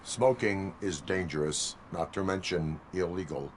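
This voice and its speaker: An actor playing a stern male cyborg police officer who speaks in a flat, measured, commanding way. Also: deep voice, a little hiss or hum. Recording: game audio over music.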